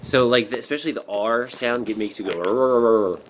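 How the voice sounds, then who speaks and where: A man hosting a playful casual chat, interviewing a pretend alien in a gentle, encouraging, amused way. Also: medium pitch, normal speed, slight background noise.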